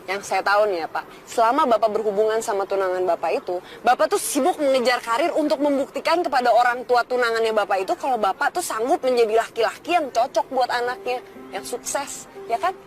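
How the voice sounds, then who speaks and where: A woman's voice: a little high, fast, soft background music, close to an everyday voice. An actress playing a cheeky, outspoken young working-class woman in a TV drama, blunt and chatty. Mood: reproachful. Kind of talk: TV film drama acting.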